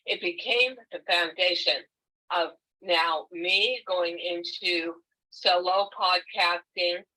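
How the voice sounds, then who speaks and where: Older lady author on a video call, bright punchy voice, candid and animated. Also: on the low side, slow pace, poor audio. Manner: candid, emphatic and animated storyteller. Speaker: author and guest. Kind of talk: conversational interview. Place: home, virtual meeting.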